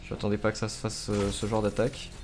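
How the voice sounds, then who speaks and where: A man's voice: on the low side, completely flat delivery, quick pace, a little mellow. A man, giving casual commentary on a gaming livestream. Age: 20s. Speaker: game streamer. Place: small room at home. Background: music.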